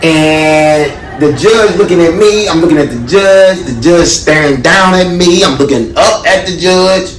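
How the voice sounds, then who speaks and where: A male stand-up comedian telling animated, profane stories on a live comedy stage. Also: a little high, a little slow, few pauses, some chatter behind. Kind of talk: stand-up storytelling. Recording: roomy live venue from a distance, audience.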